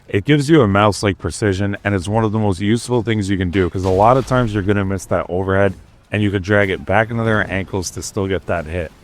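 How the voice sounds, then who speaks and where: A young man with a fairly low voice narrates his gameplay in an easygoing voice-over. He talks conversationally and hands out tips as he goes. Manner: relaxed, conversational, tip-giving. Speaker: gaming YouTuber narrating gameplay. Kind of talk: casual gameplay commentary voice-over.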